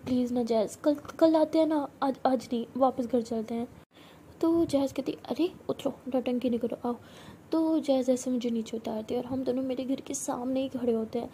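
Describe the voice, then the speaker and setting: A young woman narrating a personal love story in first person, acting out the dialogue in a soft, hushed voice. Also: on the high side, slight background noise.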